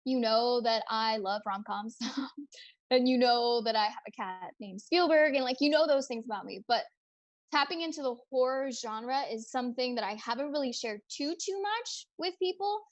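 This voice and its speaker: Young woman streaming from home, high voice, bubbly and chatty, reading out comments from the chat. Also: lively intonation, normal speed. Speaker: livestream host. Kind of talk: casual livestream chat.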